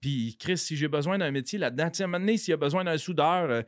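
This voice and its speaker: Québécois male guest, loose rambling talker with plenty of swearing, slightly high pitch, close and dry. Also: quick pace, dry recording. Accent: Québécois French. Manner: rambling, swears freely, mixes in English phrases. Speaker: podcast guest. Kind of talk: casual chat.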